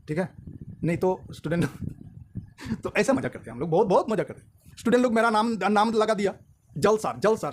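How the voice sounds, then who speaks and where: A man teaching accountancy, talking to his students in a lively, preaching way and telling a joke. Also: high-pitched, a little hiss or hum. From India. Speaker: accountancy tutor. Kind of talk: lecture and chat to students.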